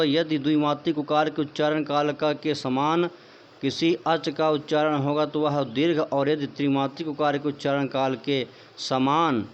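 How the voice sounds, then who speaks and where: Male teacher with a slightly high voice, lecturing and quizzing the viewer, on a dull lo-fi recording. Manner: explanatory, repeats points as questions to the viewer, addresses them as friends. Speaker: Sanskrit grammar teacher. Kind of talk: online lecture explaining a text.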